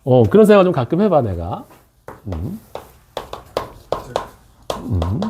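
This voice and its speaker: Here a middle-aged man teaches math at an academy, slipping jokes and chatty remarks to students between explanations in a casual lecture. He speaks slowly at a medium pitch with huge pitch swings and a warm tone. The recording has its highs cut off and carries a little hiss or hum.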